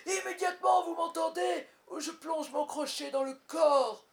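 A woman voicing a bold boy who imitates a pirate captain's voice, barking loud orders in a storybook reading. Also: high voice, flat delivery, unhurried, echoey room, voice pushed up. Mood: commanding. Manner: loud commanding shouts.

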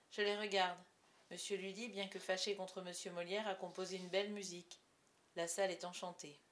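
A woman narrating a story in the first person, with a soft, hushed telling. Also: medium pitch. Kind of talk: storybook reading.

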